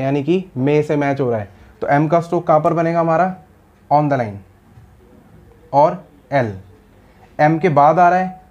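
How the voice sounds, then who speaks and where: A man's voice: a little high, darkish tone. A man teaching a shorthand lesson in mixed with English terms. He explains step by step and often checks that the students understood. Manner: explains patiently, often asks "samajh aaya?".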